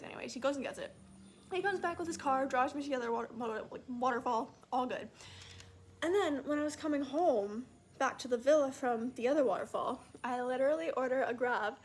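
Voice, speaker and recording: A woman's voice: high-pitched, slight background noise. A young woman telling a story in a casual vlog, chatty and full of "like" fillers. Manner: chatty, fast, lots of "like" fillers. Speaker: vlogger.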